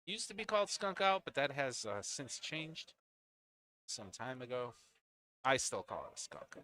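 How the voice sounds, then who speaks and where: A man's voice: medium pitch, big pitch swings, moderate pace, sharp tone. A man calling a pool league match live, chatting with his co-commentator between shots. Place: indoors at a pool league venue.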